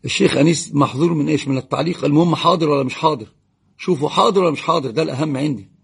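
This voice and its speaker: A man giving a live religious Q&A lesson, answering viewer questions quickly and greeting and blessing viewers by name. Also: fairly high pitch, vocal fry, slightly rough. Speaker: religious teacher.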